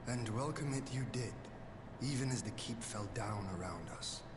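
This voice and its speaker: An actor playing a noble, earnest young warrior lord in a game cutscene, with formal, archaic, measured phrasing. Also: male voice, medium pitch, lively intonation, close to an everyday voice. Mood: solemn, tender. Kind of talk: dramatic game cutscene acting. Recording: game audio with clear background noise.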